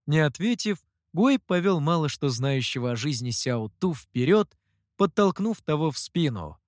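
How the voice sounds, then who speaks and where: A narrator reading a story aloud in an expressive way. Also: medium pitch, moderate pace, dry recording, studio quality. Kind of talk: scripted narration.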